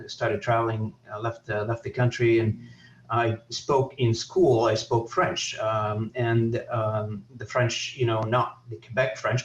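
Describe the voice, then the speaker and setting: A man's voice: mid-range voice, roomy sound, far from the mic, muffled recording, slight background noise. A man from Lebanon, a native Arabic speaker, hosting a podcast and rambling with many fillers and restarts. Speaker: podcast host. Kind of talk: casual conversation. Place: in Canada.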